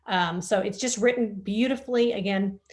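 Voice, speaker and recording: A woman gushing about her favorite reads over a video call, warm with enthusiasm and full of little ums. Her voice sits at a middling pitch for a woman and the sound comes through a video-call mic. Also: moderate pace. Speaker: bookshop co-owner discussing books. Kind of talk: casual book chat over video call.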